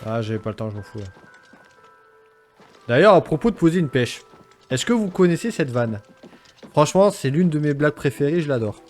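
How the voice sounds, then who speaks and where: A man's voice: a little high, lively intonation, a little fast, pauses often, darkish tone, faint music behind. A man hosting a video game let's play, rambling and swearing playfully as he keeps interrupting himself mid-sentence. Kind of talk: casual gameplay commentary.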